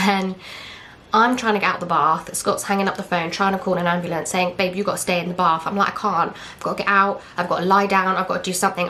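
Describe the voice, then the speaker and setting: A woman's voice: mid-range voice, fairly bright tone, slight background noise. A young woman from England, candidly telling a personal story in casual chat, acting out what others said. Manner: candid, chatty, retells with quoted dialogue and fillers. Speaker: vlogger.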